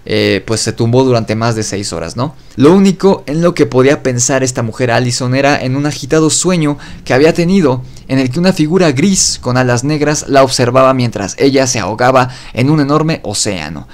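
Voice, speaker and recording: A man's voice: medium pitch, expressive, fairly quick, hardly any pauses. A man hosting his own podcast, telling an eerie story in a loose, conversational way and often correcting himself mid-sentence. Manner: loose spoken retelling with fillers and self-corrections. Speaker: podcast host. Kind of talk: casual storytelling narration.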